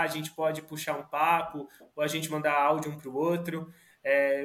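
A man's voice: on the high side, fairly bright tone. A Brazilian man speaking as a podcast guest in a casual, reflective conversational way. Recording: roomy echo.

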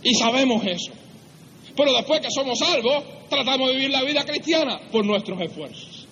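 A man preaching a sermon who acts out pleading prayers in a higher voice and drops low and slow to drive points home. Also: animated, sharp tone, big-room sound, slight background noise. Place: church.

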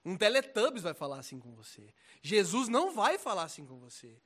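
Young Brazilian male preacher, high voice, slangy and animated, shifting loud to soft. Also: brisk. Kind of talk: casual slangy sermon.

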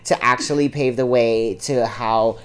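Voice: mid-range voice, fairly even intonation, unhurried. Young co-host, loose and chatty, talks in filler-heavy run-ons into a podcast mic. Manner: rambling, heavy on "like" and "um". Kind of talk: casual chat. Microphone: podcast studio mic.

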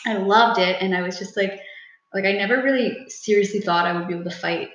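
A woman's voice: mid-range voice, brisk, fairly bright tone, a little hiss or hum. A young woman co-hosting a podcast in casual chat, laughing often and filling her talk with "like". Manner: laughs often, lots of "like" fillers. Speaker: podcast co-host, Muay Thai fighter. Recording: echoey, dull lo-fi room sound.

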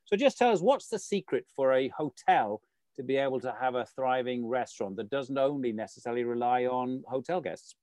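Man, show host, mid-range pitch, very dry sound, chatty, rambling conversational questions. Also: expressive, a little fast, darkish tone, no room sound. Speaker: interviewer, local show host. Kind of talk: conversational interview.

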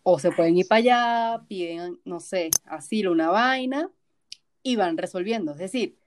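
A woman's voice: lowish voice, moderate pace, slight background noise. A woman with a Venezuelan accent in frank, blunt casual conversation, swearing now and then. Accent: Venezuelan Spanish. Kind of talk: casual chat.

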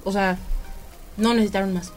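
A woman with a Mexican accent talks in a mid-pitched, easygoing voice. She jokes about herself playfully into a handheld microphone, with faint music behind. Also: fairly even intonation, normal speed, darkish tone. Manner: playful, self-mocking. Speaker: teacher. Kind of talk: casual chat.

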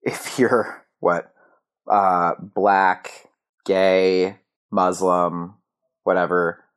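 A man's voice: low-pitched, little pitch movement, extremely slow, clean tone. A man co-hosting a podcast, talking in a rambling, casual way and often restarting his sentences. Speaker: podcast co-host. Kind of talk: casual chat.

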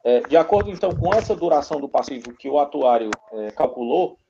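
A man's voice: on the high side, animated, creaky, warm tone, slight background noise. A man, a consultant guest, explaining investment rules step by step and often checking in with his listeners. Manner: fast, step-by-step explaining with frequent "né?" tags. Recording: dull lo-fi audio.

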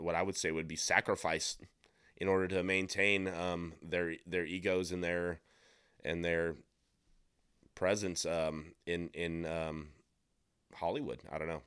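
A man with a smooth, resonant, lowish voice talks through a loose, sarcastic podcast monologue, full of ums and restarts. The sound is dry and close, with no room around it. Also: fairly bright tone, dry recording. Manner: rambling and sarcastic, with frequent fillers. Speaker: podcast host. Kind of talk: casual opinion monologue.

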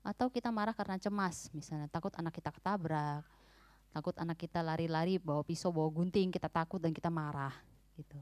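A woman's voice: low-pitched, fast talker, darkish tone, dry recording. A woman giving an informal, emphatic church talk on parenting, often mixing English words into her speech.

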